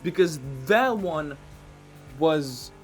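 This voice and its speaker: A young man in a vlog rant, fed up and agitated, stumbling over his words with heavy stuttering. His voice sits a little high for a man, and he drags his words out slowly. Faint music plays under him. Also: expressive. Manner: heavy stuttering with repeated sounds. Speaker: vlogger. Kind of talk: ranting commentary.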